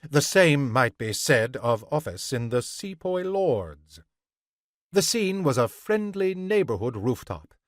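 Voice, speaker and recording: Slow, dry-voiced man reading a story. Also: mid-range voice, big pitch swings, no room sound. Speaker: podcast reader of short stories. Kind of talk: reading a crime story aloud.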